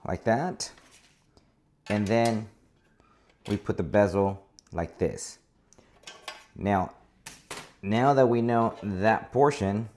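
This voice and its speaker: An installer with a fairly low, darkish voice demonstrates a product in an offhand, unscripted way, pausing, repeating words and frequently correcting himself. Clicks, handling clatter and general noise run through the audio.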